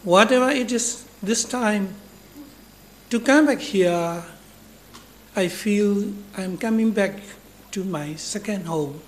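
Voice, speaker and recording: A man from Myanmar with a Burmese accent giving a formal, deliberate speech as a guest speaker. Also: high-pitched. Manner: deliberate, addresses listeners as brothers and sisters.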